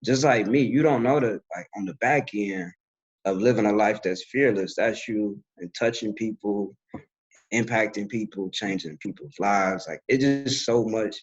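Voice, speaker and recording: A man's voice: fairly low pitch, measured pace, husky, dull audio. A man talking in a loose, reflective way on a podcast, full of fillers. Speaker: podcast host. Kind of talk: casual conversation.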